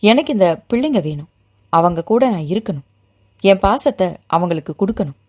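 A calm grown man who never rushes a word, as a woman storyteller puts him on. His speech is steady and measured, with a pitch that moves freely and a middle-height tone. A patient, unruffled adult in an audio novel. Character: calm, composed grown man asking to be guardian.

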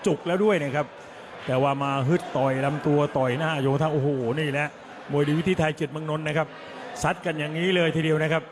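A man giving excited boxing commentary, exclaiming and repeating short calls. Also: a little high, quick pace. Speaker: Muay Thai TV announcer and commentator. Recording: crowd and music behind voice. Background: noisy arena crowd and music.

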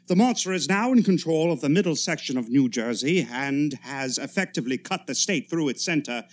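Grave, formal male radio announcer played by an actor, solemn, measured, mid-pitched, period radio play. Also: natural voice. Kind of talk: 1930s radio drama acting.

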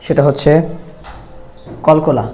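A man with a Bangladeshi Bengali accent, teaching a recorded Quran reading lesson and patiently repeating drill syllables slowly. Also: fairly high pitch, creaky, warm tone.

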